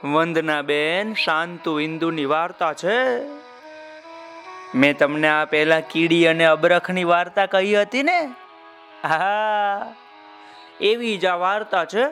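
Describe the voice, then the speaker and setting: Slow, sing-song male children's storyteller. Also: fairly high pitch, faint music behind. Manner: warm, sing-song, addresses listeners directly.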